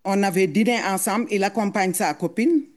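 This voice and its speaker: A middle-aged woman with a foreign accent gives emotional public testimony as a mother. She speaks earnestly and haltingly, repeating words as she searches for them. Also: mid-range voice. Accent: foreign accent in French.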